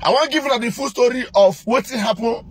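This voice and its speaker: A man's voice: extremely high pitch, fast, slightly rough. A man with a Nigerian Pidgin accent, speaking earnestly and matter-of-factly about what he saw. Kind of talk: casual testimony clip.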